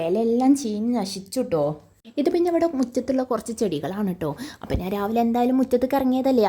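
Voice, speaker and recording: A woman's voice: fairly high pitch, mellow. A woman vlogger giving a casual voice-over that explains each chore step by step.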